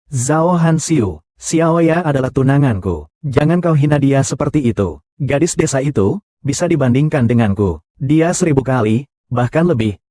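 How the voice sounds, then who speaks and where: A man's voice: mid-range voice, mellow, no room sound, studio quality, lightly acted. A man voicing the characters of a dubbed short drama, with a scornful, confrontational delivery.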